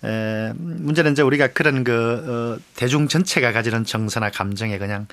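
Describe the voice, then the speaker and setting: A man speaking as an expert guest on radio, explaining at length in a measured way with many pauses and fillers. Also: mid-range voice, fairly bright tone.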